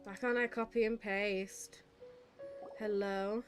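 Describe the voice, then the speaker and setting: With faint music in the background, a British video game streamer reacts as she plays. Her medium-pitched voice stays fairly even and she takes it slowly, her casual chat full of swearing and exasperation.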